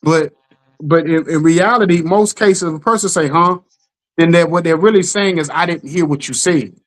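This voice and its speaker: A man co-hosting a casual talk show, telling stories with lively acted-out quotes and a steady "you know what I'm saying.". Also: normal speed. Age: adult parent. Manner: animated storytelling, acts out quotes with jumps in pitch. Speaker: podcast co-host. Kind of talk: casual chat.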